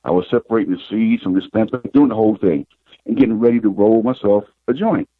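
In an interview, a middle-aged psychic tells stories from his life in a husky, fairly low voice, taking his time and reflecting as he quotes dialogue from past scenes. The sound is thin and tinny, as if over a phone line, and quite dry.

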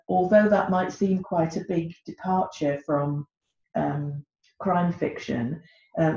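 Heard through echoey, muffled lo-fi audio, a middle-aged British woman guests on a podcast as an author. She talks with frequent ums and hesitation, in a low-pitched, gravelly, mellow voice.

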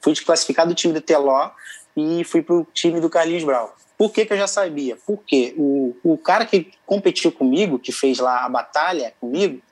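A man's voice: fairly high pitch, normal speed, a little mellow, rough recording. A young man, a singer, telling stories casually as an interview guest, laughing often. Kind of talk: casual storytelling.

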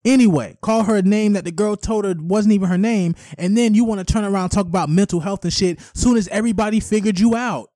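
A man's voice: high voice, quick pace, hardly any pauses, warm tone, no room sound, studio quality. A man hosting a podcast, delivering a rambling, profane solo rant and tripping over words at times. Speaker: podcast host.

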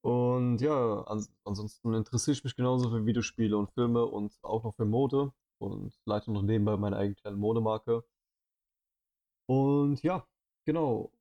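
Mellow-voiced young man on a headset. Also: fairly low pitch, moderate pace, dull audio. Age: 20s. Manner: rambling, casual, many fillers. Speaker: podcast co-host. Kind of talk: casual podcast chat. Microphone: headset microphone.

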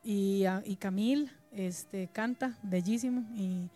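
A woman's voice: medium pitch, takes it slowly, warm tone, faint music behind. A woman, talking candidly as a guest and often ending her remarks with a questioning tag. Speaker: guest musician and mother. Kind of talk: candid personal talk.

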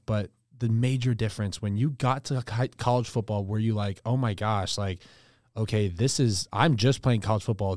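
A man's voice: on the low side, darkish tone, no room sound, clean studio sound. A man in his twenties hosting a casual podcast interview, asking questions in a joking, chatty way. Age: 20s. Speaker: podcast host.

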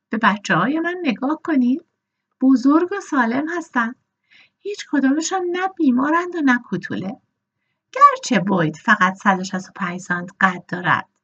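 A woman's voice: high-pitched, sharp tone, breathy edge, highs cut off, voice pushed up, full character voice. A woman voicing a frank, opinionated older lady horse breeder who lectures those around her.

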